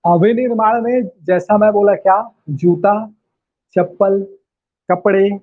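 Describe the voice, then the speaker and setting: A man's voice: sits high, measured pace. A male teacher giving an online class lecture, repeating key phrases and firing questions at his students. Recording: tinny lo-fi phone-like audio.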